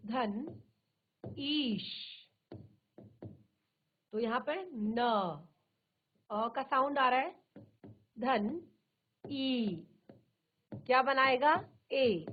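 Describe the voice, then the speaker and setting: A woman Hindi teacher with a high voice gives a very slow, deliberate classroom explanation, repeating each term and asking herself questions. The virtual classroom audio is tinny, narrow, and phone-like.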